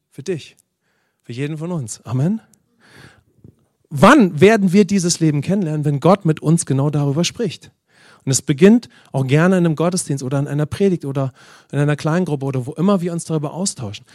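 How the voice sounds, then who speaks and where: Guy preaching a sermon, lots of amens, kinda high voice, dry close sound. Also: a little mellow, no echo. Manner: preaching with frequent amens and questions to the congregation; reads scripture slowly with rising emphasis. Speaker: pastor.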